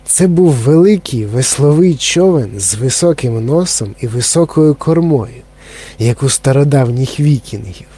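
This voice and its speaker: A man narrating a children's story in a calm, even reading. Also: mid-range voice, husky.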